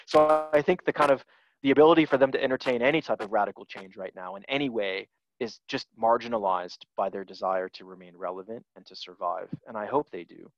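A man's voice: lowish voice, brisk. A man in his forties, a guest lecturer on a video call, answering audience questions thoughtfully with fillers. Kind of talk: academic Q&A answer. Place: office with posters on the wall. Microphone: headset on a video call. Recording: dull video call audio.

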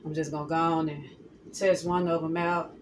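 A woman's voice: low-pitched, moderate pace. Chatty woman cooking at home. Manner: relaxed, chatty, addresses viewers as y'all. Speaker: cooking vlogger. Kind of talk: casual cooking vlog narration. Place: home kitchen. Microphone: phone camera held close or set on counter. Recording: noisy home kitchen phone recording.

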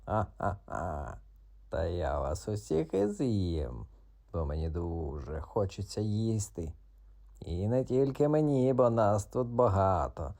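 A grumpy, self-important tomcat from a children's audiobook, growling slow, drawn-out threats. A man puts on the voice, pitched lower than his own. The tone is mellow and dark. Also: very animated. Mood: menacing. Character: proud, grumpy tomcat, noble and blustering.

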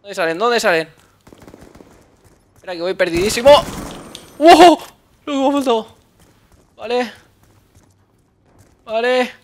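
Excitable high-voiced Spanish gamer. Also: male voice, unhurried, long pauses. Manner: excitable, repeats words in bursts. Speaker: gaming YouTuber. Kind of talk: live gameplay commentary.

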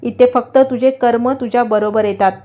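A woman's voice: on the high side, fairly even intonation, normal speed, warm tone, lo-fi sound, natural voice. A woman voicing a stern, harsh messenger of death who commands a soul, in a storybook narration.

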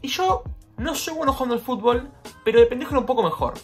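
A man's voice: fast, soft background music. A man in his twenties with a Rioplatense Argentine accent tells a personal anecdote at home in a casual, slangy vlog. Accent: Rioplatense Argentine Spanish. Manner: animated, slangy, jumps in pitch when telling the story. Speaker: vlogger.

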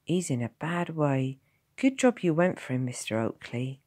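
A woman's voice: low voice, very animated, moderate pace, dry recording, studio quality, voice pushed up. A woman voicing a kindly, motherly blacksmith's wife who fusses over visitors in rural dialect, reading a storybook aloud. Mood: concerned. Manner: warm, fussing, rural dialect.

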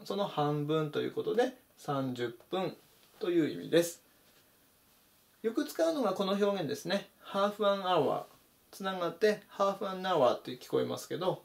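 A man's voice: fairly high pitch, big pitch swings, normal speed, gravelly. A man teaching English vocabulary to Japanese learners, methodically explaining meanings and pointing out pronunciation.

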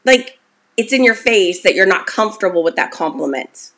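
A woman's voice: lowish voice, lively intonation, a little fast, fairly bright tone. A woman in her forties giving a casual motivational talk to camera as a self-esteem coach, chatty and encouraging, often checking in with her listener. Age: 40s.

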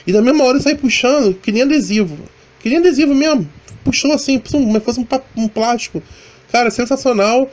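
A man's voice: very high-pitched, quick pace, a little mellow. A man from Brazil with a Rio de Janeiro accent, narrating his motorcycle vlog in a casual, rambling voice-over with many restarts and fillers. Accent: Rio de Janeiro Portuguese. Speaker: motovlogger. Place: voice-over, not recorded on the ride.

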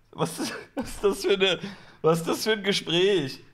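A man's voice: high-pitched, expressive, measured pace, fairly bright tone. A young man streaming his reaction to a talk show clip, sarcastic and swearing casually, often breaking into laughter. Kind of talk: mocking live-stream commentary.

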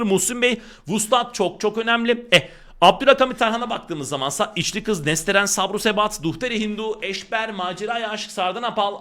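A man's voice: high-pitched, fairly bright tone. A male literature teacher giving an exam-prep lesson, talking emphatically and repeating warnings to his students.

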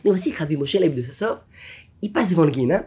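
A man teaching a Torah lesson as a rabbi, an animated storyteller who drops to whispers and rises to exclamations. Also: a little high, fast, husky.

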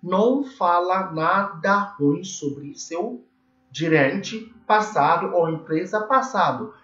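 Male online English teacher, English-accented Portuguese as a non-native speaker, unhurried and emphatic, roomy echo. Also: sits high, fairly bright tone. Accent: English-speaker's foreign accent in Portuguese. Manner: repetitive, emphatic, often checking with "okay?". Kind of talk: informal lesson mixing English and Portuguese. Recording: echoey room, dull muffled sound.

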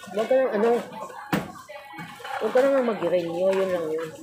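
A woman's voice: mid-range voice, lively intonation. A woman working as a domestic helper, chatting casually and giving blunt advice to a friend. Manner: brisk, gives blunt advice. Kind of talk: casual chat. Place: busy fast-food restaurant, indoors. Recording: loud restaurant crowd chatter.

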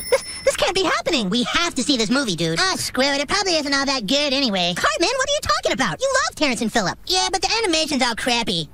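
A man voicing a brash, foul-mouthed little schoolboy in an animated film, whiny and blunt. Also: very high-pitched, quick pace, hardly any pauses, a little hiss or hum, exaggerated voice. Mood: dismayed.

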